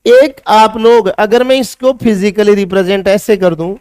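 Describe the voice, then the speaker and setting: A man's voice: sits high, fairly even intonation, moderate pace, darkish tone, clear, resonant tone, no room sound, studio quality. A male chemistry teacher with a Hindi accent, giving a classroom lecture that mixes English science terms into Hindi and asks his students questions before answering them himself.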